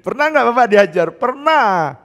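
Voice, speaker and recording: An older man preaching a sermon as pastor, laughing often and swinging between loud outbursts and hushed, low passages. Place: church, online service.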